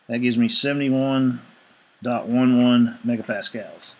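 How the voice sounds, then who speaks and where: A man's voice: mid-range voice, fairly even intonation, unhurried, a little mellow, a little hiss or hum. A male engineering instructor giving a screencast lecture, explaining each step evenly and reading out numbers as he works.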